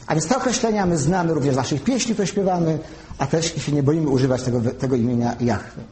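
A man giving a sermon, teaching slowly and carefully and spelling out terms one by one. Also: on the high side, warm tone. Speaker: preacher. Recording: echoey room.

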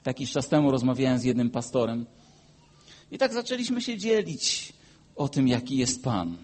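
Preaching at a normal speed with big swings in pitch, the pastor tells a story from his own life during the sermon. He shifts back and forth between forceful, loud high points and hushed, low asides.

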